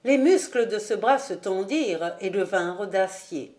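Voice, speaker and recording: A woman reading a classic novel aloud as a volunteer audiobook narrator, in a measured, even way. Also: medium pitch. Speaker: audiobook reader.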